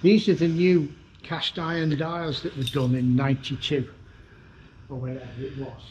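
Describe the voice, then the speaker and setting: An older Northern English man, a church clock specialist, leads a visitor through a stone clock tower, explaining in a plain, matter-of-fact manner and voicing the chimes aloud. His voice is on the high side and a little mellow, flat and moderately paced. A moving handheld camera mic records it as dull lo-fi audio with slight background noise.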